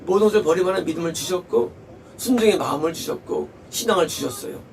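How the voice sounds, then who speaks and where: A man's voice: fairly high pitch, quick pace, creaky, recorded from a distance, a little hiss or hum, rough recording. A male pastor preaching a sermon with emphasis, repeating key phrases and asking rhetorical questions.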